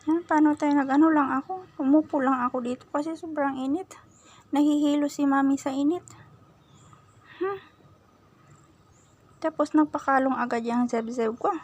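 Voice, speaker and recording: A woman chats casually to her pet cat in affectionate baby talk, mixing Tagalog with English, outside her home after sweeping. Her voice is high-pitched and a little mellow, moving at a moderate pace with frequent pauses.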